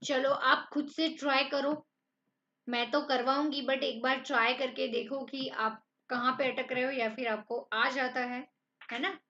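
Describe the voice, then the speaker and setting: A woman's voice: high-pitched, fairly even intonation, unhurried, bright, forceful tone, highs cut off, slight background noise. A woman teaching a math lesson online, coaxing students through each step. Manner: encouraging, addresses students as friends.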